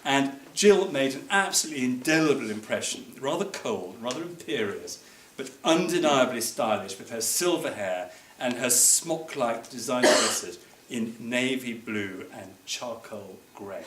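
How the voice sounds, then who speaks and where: Brit man, memorial speech, lively up-and-down delivery, chuckling raconteur, roomy echo and noisy background. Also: medium pitch, a little slow. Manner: wry, laughing, digressive storytelling. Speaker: speaker at a memorial reception. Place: museum reception room. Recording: echoey room with background noise.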